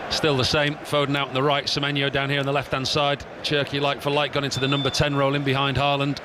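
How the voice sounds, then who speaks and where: A man with a medium-pitched voice delivers thoughtful co-commentary on a football match, talking through the tactics in a fast monotone. Stadium crowd noise fills the background.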